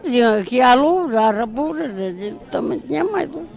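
A woman's voice: fairly high pitch, animated, moderate pace, vocal fry, darkish tone. A woman in her sixties with a rural northern Portuguese accent, speaking informally as a village storyteller.

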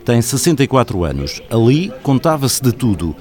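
A man's voice: medium pitch, sing-song, normal speed, darkish tone, soft background music. A man with a European Portuguese accent reading scripted documentary narration in a storytelling style. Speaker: radio reporter and narrator.

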